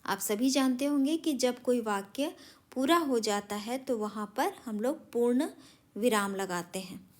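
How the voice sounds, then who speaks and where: A woman's voice: a little high, measured pace, darkish tone. A woman teaching a Hindi grammar lesson to young children, patiently spelling out words and correcting sentences. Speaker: primary school Hindi teacher. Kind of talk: recorded classroom lesson for children.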